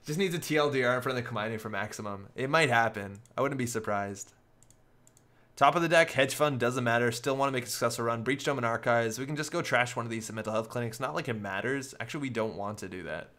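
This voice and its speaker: A man's voice: medium pitch, fast talker, pushed and bright. A man giving live, casual commentary on a card game, thinking aloud as he works through each play step by step.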